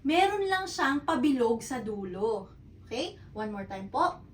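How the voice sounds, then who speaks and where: Woman teacher, high voice, unhurried, patient and repetitive, echoey room, a little off-mic. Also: expressive, distant mic, slight background noise. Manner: patient, repeats and checks with "okay?". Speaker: Japanese teacher. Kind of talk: hiragana lesson in Tagalog mixed with English.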